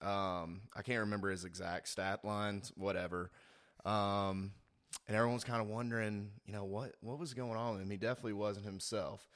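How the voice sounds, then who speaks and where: Young male co-host, lowish voice, loose rambling delivery, laughs a lot. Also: steady tone, normal speed, a bit bright. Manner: laughs often, rambling with filler words. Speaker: podcast co-host. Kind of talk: casual chat.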